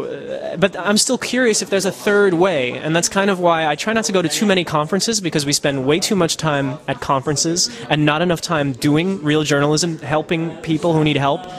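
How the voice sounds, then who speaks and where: A slightly high, fairly bright male voice belongs to a US podcaster and citizen journalist being interviewed in the Netherlands. He responds in an easygoing, thoughtful manner, frequently filling gaps and restarting sentences.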